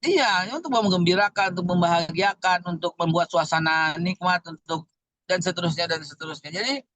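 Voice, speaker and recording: High, bright-voiced preaching man. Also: a little fast, no room sound. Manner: animated, slangy Jakarta-style preaching with rhetorical questions. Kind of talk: sermon.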